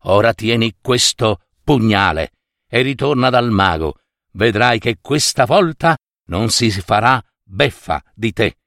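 A man voicing a kindly fairy in a fairy tale, speaking gently and slowly. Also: on the low side, lively intonation, dry recording, clean studio sound. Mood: gentle. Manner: gentle and slow.

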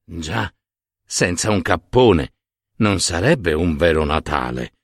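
A man voicing a poor, humble shoemaker in a storybook reading, in a low, musing, homely way. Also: lively intonation, slow pace, vocal fry, no room sound, clean studio sound, exaggerated voice.

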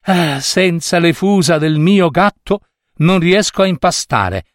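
A man's voice: on the high side, slow pace, no echo, studio quality, pitched above the performer's own voice. A man voicing a fussy, anxious baker woman who sighs and frets as she kneads, in a read-aloud storybook. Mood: sighing. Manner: sighing, fretful, pleading.

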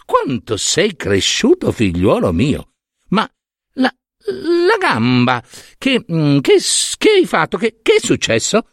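Man doing a high, stammering, fake-sweet goddess mother, lively swoops, dry sound. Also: takes it slowly, no echo, full character voice. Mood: startled. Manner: gushing, stammering, shrill. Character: fawning insincere queen goddess, mother.

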